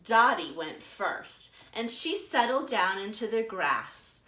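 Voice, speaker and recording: In a roomy, echoing space, an American woman with a bright, medium-pitched voice tells a story to preschoolers. Very animated, she speaks slowly and deliberately, leaning on words for dramatic emphasis the way a children's librarian would.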